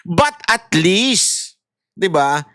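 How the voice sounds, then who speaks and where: A man's voice: high-pitched, sing-song, drawn-out words, pushed and bright, no echo, studio quality. A man from the Philippines giving heated commentary to his viewers, laughing often and swearing between apologies. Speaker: online commentator.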